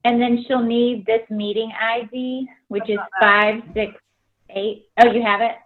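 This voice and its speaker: A woman, a school committee member, talks over a dull, lo-fi phone line in a remote meeting. The sound is choppy and noisy, with clicks breaking through. Her voice sits a little high, and her delivery is brisk and practical. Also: flat delivery. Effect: choppy phone audio with clicks and noise. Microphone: phone audio on a video call.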